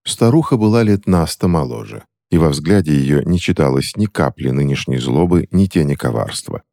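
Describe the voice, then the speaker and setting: A man narrating a story for an audiobook in an expressive storytelling manner. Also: rumbling low, moderate pace, creaky, no echo, clean studio sound.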